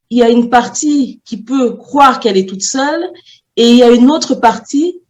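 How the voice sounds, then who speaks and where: A woman, a mother and children's book author from France, answering interview questions thoughtfully with many pauses and restarts. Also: fairly high pitch, darkish tone. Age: adult, a mother.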